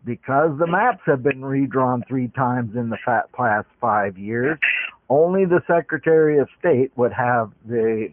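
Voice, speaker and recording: A man's voice: medium pitch, lively intonation, measured pace, no room sound. A man making a phone call, heard over the phone line, politely explaining his request at length. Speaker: caller. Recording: tinny dry phone call recording.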